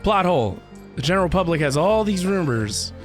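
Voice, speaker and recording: Pitched high and swinging widely, his voice moves a little fast. He's a game streamer muttering playful reactions in casual live commentary as he plays, and the game music comes through clearly in the background.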